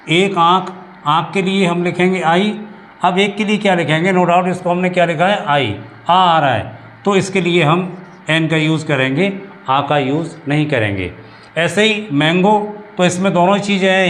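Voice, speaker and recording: A man gives a patient grammar lesson, circling back over each point and repeating it. His voice sits a little high for a man. A faint hiss of noise runs under the recording. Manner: explains slowly with many repetitions and restarts. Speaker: English teacher. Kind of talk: classroom-style grammar lesson.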